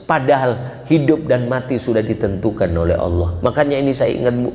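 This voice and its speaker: A man's voice: mid-range voice, brisk. A man giving a dawn study sermon in a mosque, telling stories animatedly and acting out the dialogue. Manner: animated storytelling, acts out dialogue. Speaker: religious teacher. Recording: reverberant mosque hall with faint hiss.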